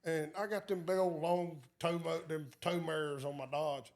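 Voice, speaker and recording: A man's voice: a little high, steady tone, moderate pace, darkish tone. A man with a Southern accent, making dry wisecracks in a casual chat.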